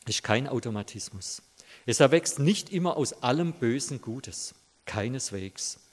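A man preaching a sermon in an earnest storytelling manner. He speaks to his listeners directly, at a medium pitch. His voice rings with the long reverb of a large church hall.

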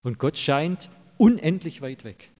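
A man's voice: fairly high pitch, big pitch swings, measured pace, darkish tone. A pastor delivering a sermon in a church, emphatic and direct with the congregation, repeating his key phrases. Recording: long hall reverb.

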